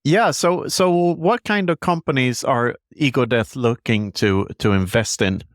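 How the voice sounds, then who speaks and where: A man's voice: medium pitch, a little slow, no echo, clean studio sound. A man hosting a podcast interview, asking stumbling, hesitant questions. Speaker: podcast host.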